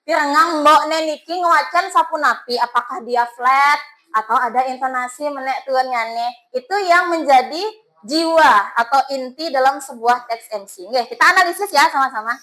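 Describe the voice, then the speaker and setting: A woman's voice: high voice, moderate pace, bright, forceful tone, poor audio. A woman teacher with a Balinese accent, coaxing her students with questions as she teaches a class.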